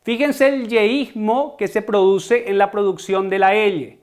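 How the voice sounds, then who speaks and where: A man with a Paraguayan Spanish accent teaches an online lesson in a fairly high voice. He explains each point step by step, stresses the key terms and often turns to address his students directly. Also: steady tone, a little slow.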